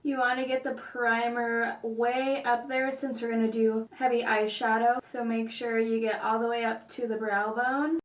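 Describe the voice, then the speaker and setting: A woman's voice: fairly high pitch, little pitch movement, moderate pace, hardly any pauses. A woman hosting a casual makeup tutorial, speaking with slightly odd, constrained articulation. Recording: echoey room, distant mic.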